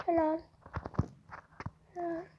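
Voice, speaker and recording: High-voiced child narrating a game. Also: slow pace, lo-fi sound, a little hiss or hum. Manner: excitable, talks to self while playing. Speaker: gamer. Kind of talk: gameplay commentary.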